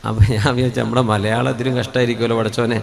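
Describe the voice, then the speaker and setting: A male Islamic preacher delivers a Malayalam sermon into a microphone, his medium-pitched voice flat, creaky and rapid-fire. He talks conversationally, posing questions, and chants short Arabic phrases melodically.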